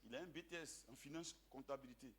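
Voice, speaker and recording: A man with a mid-range voice preaches a sermon at a fast clip, alternating between shouted emphasis and quiet storytelling before returning to a repeated refrain. The room is echoey.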